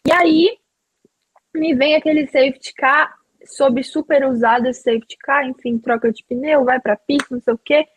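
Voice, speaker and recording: A woman's voice: high voice, steady tone, normal speed, a little hiss or hum, poor audio. A woman hosting a casual chat, rambling with lots of fillers and enthusiasm.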